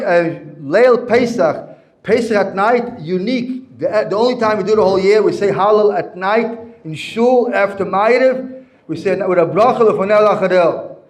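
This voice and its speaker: Rabbi, male, high voice, teacherly, restates points, roomy echo. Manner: teacherly, repeats and restates phrases. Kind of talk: Torah lesson with storytelling. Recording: echoey room.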